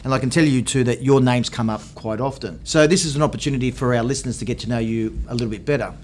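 Male podcast host, middle-aged, Australian accent, average pitch, brisk and wordy interviewing. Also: darkish tone, slight background noise. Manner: wordy, repeats and rephrases. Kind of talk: conversational interviewing.

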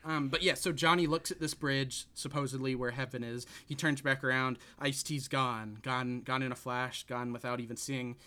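A man's voice: mid-range voice, little pitch movement, moderate pace, few pauses, sharp tone. A young man casually recapping a movie on a podcast, rambling with fillers and asides. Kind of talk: casual chat.

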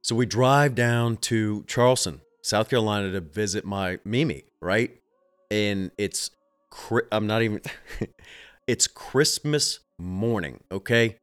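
He speaks slowly in a smooth, low voice with a fairly bright tone, nasal from congestion. A thirties-age host from the US Southeast, he tells a meandering story with chuckles and frequent restarts while music plays in the background.

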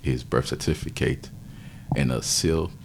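A man from Haiti with a Haitian accent, a podcast guest telling his story in a thoughtful, halting way with many fillers. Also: rumbling low, fairly even intonation, gravelly, slight background noise. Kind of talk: casual interview.

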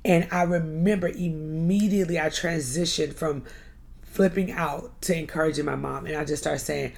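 A young woman with a low voice and a gravelly edge tells an earnest personal story for a podcast. She speaks with emphasis and circles back, repeating and restarting her phrases as she goes. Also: steady tone, moderate pace, darkish tone. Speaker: youth pastor.

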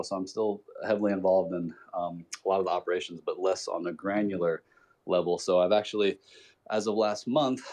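A man speaking as a guest in a casual interview, relaxed and rambling, with many filler words. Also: deep voice. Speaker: guest, project cofounder.

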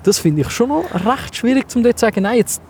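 A man with a Swiss German accent hosting a casual podcast chat on a walk, talking quickly and acting out little quotes. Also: very high voice, husky. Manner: quick, lively, acts out quotes. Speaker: podcast host. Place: outdoors on a walk in town.

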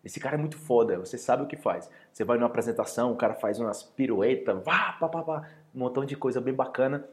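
A Brazilian man with a Brazilian Portuguese accent, teaching language in a casual podcast lesson and acting out lively example phrases. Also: mid-range voice, fast.

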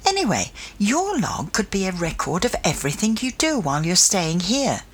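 A woman voicing a cheerful older grandmother who is brisk and practical and fond of old sayings. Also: mid-range voice, huge pitch swings.

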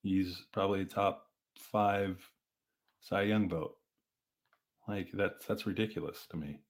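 A man co-hosting a podcast, chatting casually about sports with lively restarts. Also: low voice. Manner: animated, fast back-and-forth with restarts. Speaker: podcast co-host.

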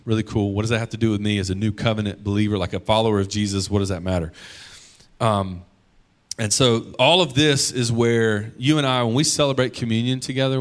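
A man with a somewhat low voice delivers a sermon as a pastor. He talks casually and conversationally, often stacking short repeated phrases for emphasis. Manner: animated, conversational preaching with emphatic repetition.

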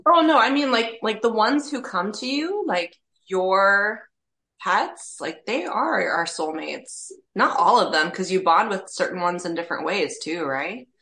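A woman's voice: medium pitch, lively intonation, a little slow, bright, forceful tone. A middle-aged woman co-hosting a podcast, chatting in a friendly, agreeable way and laughing easily. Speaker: podcast co-host. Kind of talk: casual chat.

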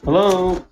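A man's voice: sits high, darkish tone. A man calling in to a live podcast on a call dropping out, asking again and again whether he can be heard. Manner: repetitive, insistent. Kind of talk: casual chat. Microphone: remote call. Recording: noisy, distant call line.

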